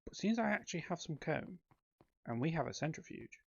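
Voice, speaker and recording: A man's voice: on the high side, fairly quick, gravelly, husky, dry recording. Man, gameplay commentary, rambling with ums, dry close mic, slightly muffled. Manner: relaxed, rambling, frequent ums and self-corrections. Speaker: let's play host.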